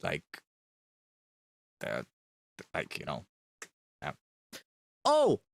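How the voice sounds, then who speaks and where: With a deep bass voice that swings hugely in pitch, draws out words and turns creaky, a man streams live to fans as a band member. A native Finnish speaker, he reads fan questions aloud, answers them casually, and repeats words for emphasis.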